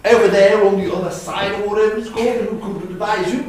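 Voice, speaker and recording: A woman's voice: mid-range voice, fairly even intonation, fast talker, a crowd in the background, natural voice. A woman voicing an exasperated husband haunted by his late wife, flustered and stammering, in a stage play audio drama recorded in a very echoey room with noise.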